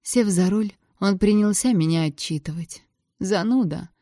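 A woman reading a novel aloud in the first person, in an expressive, measured storytelling manner on a close mic. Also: medium pitch, dry recording. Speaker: audiobook narrator. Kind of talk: first-person audiobook narration.

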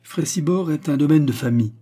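A man voicing a composed, politely ironic French gentleman in a storybook reading, with a mellow, husky voice. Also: fairly high pitch, brisk, pitched above the performer's own voice, natural voice. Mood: calm courtesy. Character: calm, courteous French gentleman.

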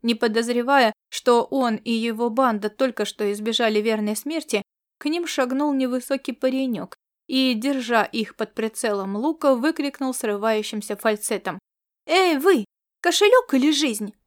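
A woman giving a steady, expressive scripted audiobook narration. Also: a little high, moderate pace, smooth.

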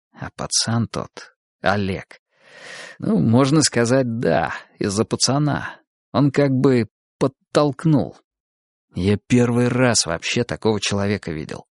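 Man doing a heated young sergeant, stubborn, halting, slightly low, audiobook figure. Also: no echo, clean studio sound, close to an everyday voice.

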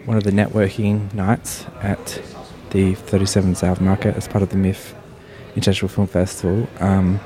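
A man's voice: sits low, level tone, moderate pace, hardly any pauses, crowd noise. A man hosting a podcast interview, chatting casually and rambling with lots of fillers. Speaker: podcast host.

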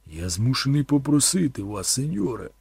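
A stern, weary monk who answers curtly and warns others off, as read by a male narrator. The voice is gravelly and husky, moving freely in pitch, recorded dry. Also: very animated, normal speed, no echo, heavily acted. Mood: cautioning. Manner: curt, cautioning, dismissive.

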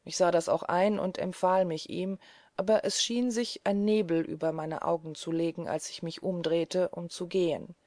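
A woman reading a classic novel aloud as an audiobook narrator, calm and even. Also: fairly low pitch, normal speed, no echo, clean studio sound.

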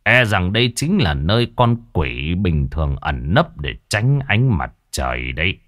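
A man voicing a stern, grave older exorcist in a ghost story, speaking slowly and quietly. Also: low voice, big pitch swings, dry recording, studio quality, exaggerated voice. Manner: slow, grave, measured.

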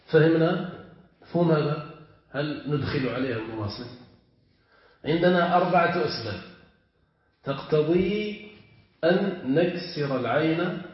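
A man teaching as a sheikh, his voice heavily echoing around a large room. He lingers on key words and keeps asking his listeners whether they follow. The recording sounds dull and lo-fi. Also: fairly high pitch. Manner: stretches key words slowly, keeps checking understanding. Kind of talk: classroom lesson with questions to students.

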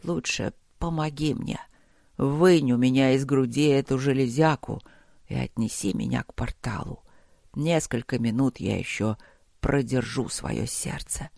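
In a storybook battle scene, a frail old emperor, played by a man, is dying; he speaks in a low, slow, breathy whisper, weak, tender, and resigned. The recording is close and dry.

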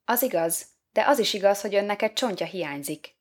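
A woman voicing Eve, a sweet, playful young woman who speaks gently and coaxingly in a storybook reading. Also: medium pitch, lively intonation, voice pushed up, close to an everyday voice. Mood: gentle.

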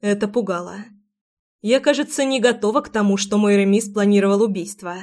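A woman with a mid-range voice reads a first-person romance audiobook at a brisk pace, bringing expression and emotion to the narration.

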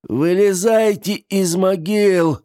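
A man's voice: mid-range voice, takes it slowly, gravelly, dark tone, no room sound, clean studio sound, pitched above the performer's own voice. A man voicing a frail dying old man who cries out and pleads for help. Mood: desperate cries. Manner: pleading, crying out, wheezing.

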